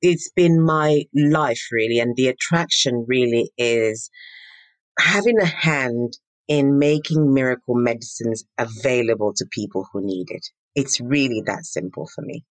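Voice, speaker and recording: A woman's voice: very deep voice, unhurried, no room sound. A woman in her fifties from Nigeria answering interview questions in an earnest, emphatic, reflective way. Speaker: guest, pharma entrepreneur.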